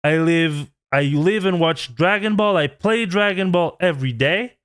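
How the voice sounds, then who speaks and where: Man, twenties, host; earnest pleading rant, smooth clear voice, unhurried. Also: sits high, a bit bright. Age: 20s. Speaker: channel host. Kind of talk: heartfelt vlog rant.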